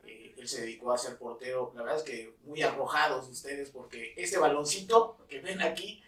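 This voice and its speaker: A man's voice: mid-range voice, normal speed, fairly bright tone, roomy sound, recorded from a distance, poor audio. A man from Mexico hosting an interview, asking friendly conversational questions. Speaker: host, interviewer. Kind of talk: casual interview.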